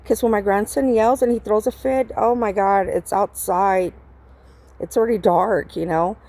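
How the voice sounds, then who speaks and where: A woman's voice: medium pitch, fairly even intonation, moderate pace, dark tone. A middle-aged woman telling a story casually to her viewers, rambling and swearing, with many fillers. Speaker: vlogger.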